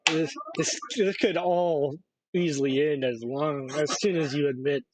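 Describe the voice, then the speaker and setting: A man's voice: a little high, measured pace, rough recording. A man live-streaming a game, teasing and mocking another player while laughing often. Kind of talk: live-streamed gaming chat.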